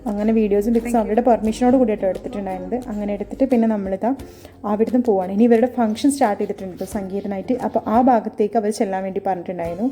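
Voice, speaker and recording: A woman's voice: medium pitch, steady tone, rapid-fire, dark tone. A woman with a Malayali accent narrating a casual vlog, mixing English words into her Malayalam. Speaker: henna artist and vlogger. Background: faint music.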